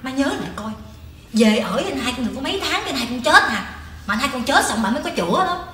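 A woman's voice: high voice, animated, fast talker, sharp tone. A woman with a Southern Vietnamese accent playing a whiny, gossipy grown daughter in a live stage comedy sketch, teasing and complaining. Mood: whining. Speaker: comic stage actor. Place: large theater stage. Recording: echoey stage with background noise.

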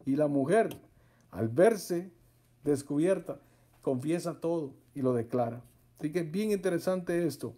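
High-voiced, mellow male preacher. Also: expressive, unhurried. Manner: emphatic, repeats key phrases. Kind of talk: Bible teaching sermon.

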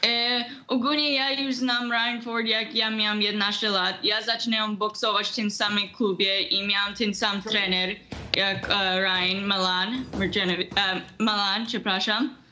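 Teenage woman, boxer, from Canada, slow plain sentences, bright tone, webcam. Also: mid-range voice, level tone, soft background music. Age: teens. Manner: short simple sentences, some slips in grammar. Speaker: young boxer. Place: indoor room at home.

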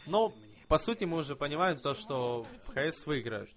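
A man's voice: on the high side, big pitch swings, moderate pace. A man giving casual live commentary on a video game match as one of its casters.

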